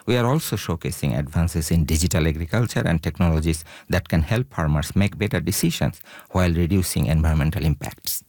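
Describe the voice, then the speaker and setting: A man from Bangladesh, a researcher guest on a radio interview, speaking haltingly with many fillers. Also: deep voice, a little mellow, no echo, clean studio sound.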